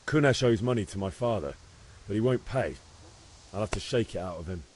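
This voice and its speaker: An actor playing a brash, rowdy young village lad in a video game, cocky and matey in manner. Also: male voice, lowish voice, animated, brisk, breathy edge.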